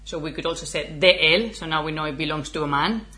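A woman's voice: sits low, fast talker, pushed and bright. A woman, teaching a casual lesson and chatting as she goes. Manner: chatty, laughs often, switches between Spanish and English. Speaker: Spanish teacher.

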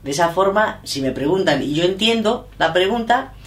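A woman's voice: on the low side, lively intonation, normal speed. Hesitant middle-aged woman, roomy. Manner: hesitant, self-correcting, thinking aloud. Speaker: interviewee, learner of English. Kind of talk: casual chat. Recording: echoey room.

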